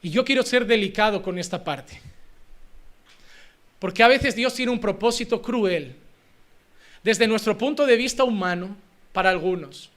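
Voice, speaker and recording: A man preaching a sermon as a pastor, lively and acting out little scenes of parents and children. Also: sits high, a little slow, long pauses. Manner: animated, acts out children and parents in quoted asides.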